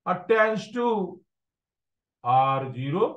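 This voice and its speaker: A man's voice: fairly high pitch, sing-song, drawn-out words, echoey room, highs cut off, voice pushed down, full character voice. A man voicing an eager young male student who keeps calling his teacher sir. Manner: eager, says sir a lot.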